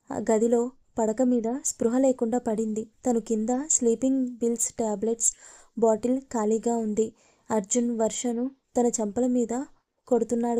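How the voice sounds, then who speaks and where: A woman narrating a storybook in a steady, plain reading voice. Her tone is very dark and mellow, pitched a little high, with a flat, even delivery.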